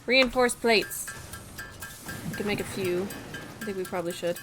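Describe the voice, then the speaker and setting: A woman streamer giving casual gameplay commentary, excitable, thinking aloud and laughing often. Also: mid-range voice, normal speed, poor audio. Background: game music.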